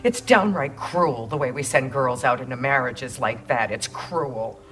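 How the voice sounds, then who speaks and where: A woman's voice: rumbling low, a little slow, fairly bright tone, slight background noise. An actress playing a troubled middle-aged mother in a 1940s film, speaking earnestly and indignantly.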